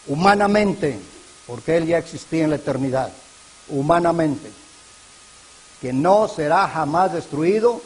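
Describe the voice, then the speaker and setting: A man's voice: a little high, darkish tone, husky, poor audio. A man preaching a sermon in a church, emphatic and repeating his key words for weight.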